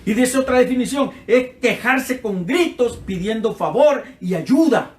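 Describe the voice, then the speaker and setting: With a Central American Spanish accent, this man preaches passionately in a very high-pitched, animated voice that moves a little slowly. The sound is reverberant. He acts out the dialogue and voices in his stories.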